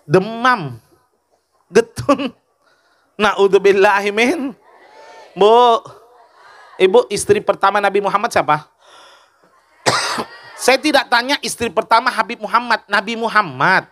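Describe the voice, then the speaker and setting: Man, preacher, humorous sermon, teasing audience, bright tone. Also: sits high. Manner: joking and teasing with the audience, asks questions.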